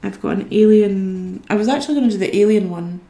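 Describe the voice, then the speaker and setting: Colouring live on stream, this young woman from Scotland keeps up a casual, chatty conversation with her viewers as she works. She speaks briskly in a medium pitch, her tone mellow, and the room gives off an echo.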